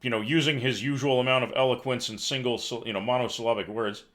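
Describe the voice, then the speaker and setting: Bright-voiced sarcastic male news streamer. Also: medium pitch, steady tone, fast talker. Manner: sarcastic, reads headlines then riffs with exasperated asides. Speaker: livestream news commentary host. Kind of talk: casual live news commentary.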